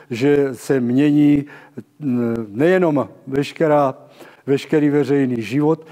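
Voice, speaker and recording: A man in his seventies lectures the public on local theatre history, halting and correcting himself as he speaks to his listeners. His voice is mellow and a little high. He stands in a large, dim auditorium with a stage and seated audience, and the reverberant hall adds a long echo.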